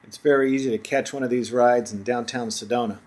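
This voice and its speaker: A man narrates his own road trip as a travel voice-over, relaxed and chatty like a tour guide. His voice is medium-pitched and a little fast.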